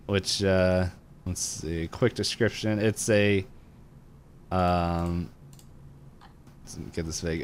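A man's voice: on the low side, smooth. A man co-hosting a podcast, casually retelling a cartoon episode in a rambling way, with lots of fillers and laughs. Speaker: podcast co-host. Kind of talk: casual recap chat.

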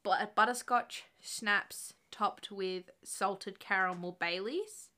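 Bright-voiced young woman chatting. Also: medium pitch, slow. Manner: chatty and explanatory, lots of "like". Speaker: podcast co-host. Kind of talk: casual chat.

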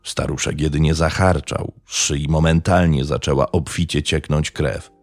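A man narrating a true-crime story in a measured, grave tone. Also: extremely low pitch, steady tone, dry recording. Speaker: podcast narrator.

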